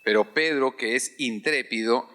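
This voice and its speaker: A man's voice: medium pitch, a little slow, sharp tone. A male pastor preaching a sermon in a church, calling out hallelujah and having the congregation repeat phrases after him.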